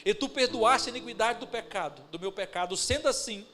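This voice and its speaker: Instrumental music runs beneath this sermon by a Brazilian Portuguese-accented pastor whose voice sits high. He tells family anecdotes calmly, then rises into loud, emphatic bursts and slow, stressed words, addressing listeners as brothers.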